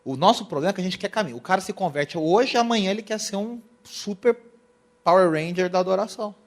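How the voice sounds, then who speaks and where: Young man from Brazil, church worship lecture, bright high voice, acts out anecdotes. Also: fast talker. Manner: animated, storytelling, acts out quotes. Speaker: worship teacher. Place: church hall.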